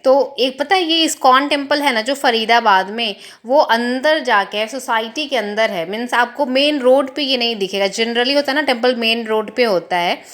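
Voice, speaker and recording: A woman's voice: on the high side, normal speed, few pauses, a bit bright. A young woman vlogging in a chatty, casual way, slipping English words into her talk. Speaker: family vlogger. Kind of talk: casual vlog narration.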